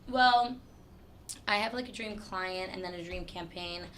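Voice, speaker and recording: As a guest on a podcast, this twenty-something creative director from New Hampshire talks casually and leans heavily on "like." She speaks at medium pitch, a little slowly, with a fairly bright tone over a little hiss or hum.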